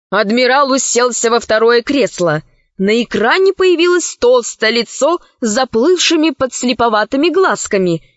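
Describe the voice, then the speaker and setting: A woman narrates a storybook very slowly and evenly, in a measured reading voice. The recording is dry and close, with a dull, lo-fi sound. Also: sits high, dry recording. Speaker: audiobook narrator.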